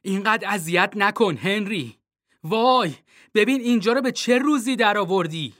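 A man's voice: fairly high pitch, lively intonation, sharp tone. A man voicing a fussy mother who snaps at one son and coos at the other in a storybook reading. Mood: scolding.

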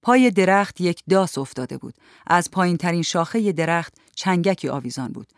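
A narrator reading a literary story aloud in a measured, even storytelling manner. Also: mid-range voice, dry recording, studio quality. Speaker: audiobook narrator.

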